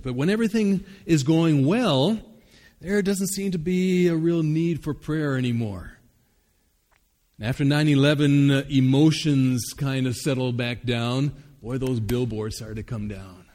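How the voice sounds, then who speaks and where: A man's voice: fairly high pitch, darkish tone, big-room sound. A male pastor preaching an earnest, conversational sermon with occasional fillers.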